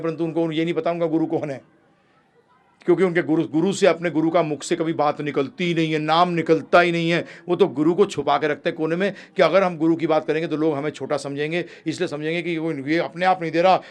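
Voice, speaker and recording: A man giving a spiritual sermon, animated, swinging from emphatic high calls to low quick asides and addressing listeners as "prabhu ji". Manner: ends with devotional sung calls. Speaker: spiritual teacher.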